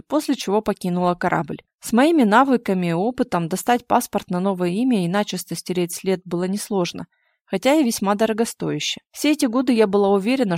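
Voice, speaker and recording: A woman's voice: medium pitch, dry recording. Woman narrating an audiobook, dry and close. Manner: expressive, lively storytelling with sharp sarcasm. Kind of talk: first-person scripted narration.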